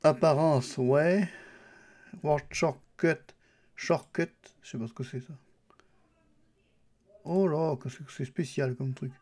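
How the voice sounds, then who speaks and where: A man's voice: fairly high pitch, fairly even intonation, slow pace, long pauses, darkish tone. A man casually thinking aloud as he tours a computer's settings and apps, talking straight to the viewer. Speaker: YouTuber testing a Linux distribution. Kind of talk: casual screen-recorded software walkthrough.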